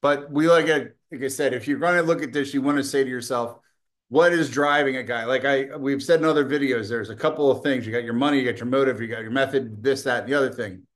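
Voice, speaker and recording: A man's voice: mid-range voice, quick pace. A middle-aged man hosting a political commentary show, delivering a combative, scornful and profane opinion monologue, with occasional coughing.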